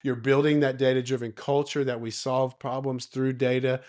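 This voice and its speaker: A man from Alabama with a soft Southern drawl, getting over a cold, explains things like a coach in an interview, emphatic and encouraging, repeating key phrases. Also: medium pitch, level tone, normal speed. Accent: Southern Alabama, United States. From Alabama, United States. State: recovering from a cold. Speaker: data coach and interview guest.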